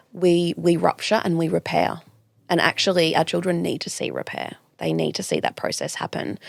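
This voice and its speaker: Woman, 30s, very low pitch, earnest reflective podcast talk. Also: gravelly, dry recording, studio quality. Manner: earnest, reflective, frequent restarts. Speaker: guest, clinical nutritionist. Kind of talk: podcast interview.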